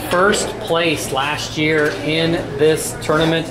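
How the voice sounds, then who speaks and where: A man hosting a sports press conference, introducing teams and asking players questions in a friendly, scripted way with filler pauses. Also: fairly high pitch, flat delivery, a crowd in the background. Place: tournament press conference room.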